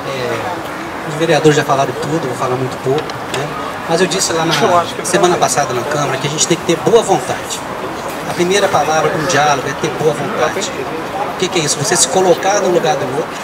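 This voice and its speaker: Guy on a handheld mic in a square, calm reasonable tone, kinda high voice, loud crowd and traffic all around. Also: quick pace. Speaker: city council government leader. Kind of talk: public speech at a rally. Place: outdoor city square. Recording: distant mic, loud crowd and street noise.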